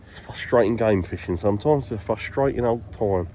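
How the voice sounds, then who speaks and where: This British man, nose blocked up with a cold, talks to camera in a relaxed way while fishing by the water for his vlog, thinking out loud as he goes. His voice is lowish and warm, a touch fast, with slight background noise.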